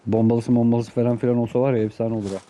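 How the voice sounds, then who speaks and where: A young man commentating a team shooter game live, excitedly urging and ordering his teammates. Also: medium pitch, very fast, a little hiss or hum. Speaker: gaming YouTuber. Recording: gunfire from the game behind the voice.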